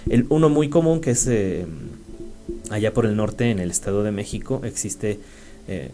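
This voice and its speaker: A man's voice: lowish voice, normal speed, dark tone, faint music behind. A man with a Mexican Spanish accent, hosting a radio talk and explaining things with frequent fillers and restarts. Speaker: radio show host. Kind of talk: educational radio talk on place names. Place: radio studio.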